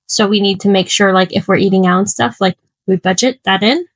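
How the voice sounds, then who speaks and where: A young woman co-hosting a podcast, chatting casually in an animated, teasing way and laughing often. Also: mid-range voice, fairly quick, no echo, poor audio. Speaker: podcast co-host. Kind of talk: casual chat.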